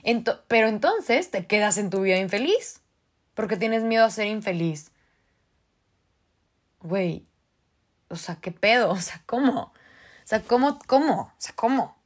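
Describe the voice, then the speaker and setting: A woman's voice: medium pitch, expressive, unhurried, long pauses. A woman with a Mexican accent hosting a podcast, giving an earnest, impassioned motivational talk in casual slang, with frequent restarts. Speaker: podcast host.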